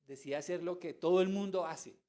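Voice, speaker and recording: A man's voice: high voice, fairly quick, dark tone. A man preaching a sermon as pastor, asking rhetorical questions and mimicking voices. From Colombia.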